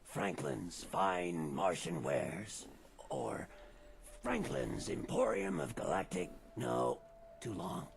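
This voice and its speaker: An actor playing a theatrical ghoul man in a video game, with a raspy voice and a grandiose way of talking. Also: deep voice, huge pitch swings, slow, background noise, heavily acted. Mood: delighted. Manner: grandiose and theatrical, dropping into weary plain talk. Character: theatrical ghoul man posing as pompous alien interloper-hunter. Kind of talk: video game character dialogue.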